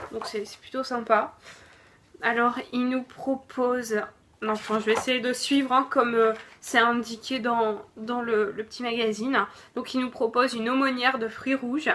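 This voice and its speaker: Woman, unhurried unboxing vlogger, slightly high voice, hesitant with fillers, faint hiss. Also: a bit bright. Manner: hesitant, lots of fillers and self-corrections. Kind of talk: casual product review.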